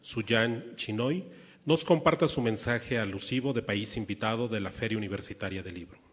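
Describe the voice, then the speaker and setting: A man's voice: lowish voice, normal speed, a bit bright, breathy edge. Formal male announcer in a reverberant hall. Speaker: master of ceremonies. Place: large auditorium, indoors. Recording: reverberant auditorium PA.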